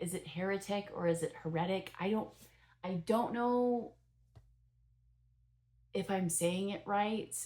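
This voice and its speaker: A woman's voice: on the low side, darkish tone. A young adult woman giving her casual first impressions of a film in a chatty, rambling way, full of fillers and self-corrections. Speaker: movie reviewer.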